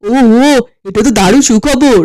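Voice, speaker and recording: A woman's voice: fairly high pitch, moderate pace, mellow, lightly acted. A woman voicing a bumbling middle-aged cartoon man who talks in stiff, old-fashioned formal phrasing. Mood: pompous. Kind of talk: comic cartoon voice acting.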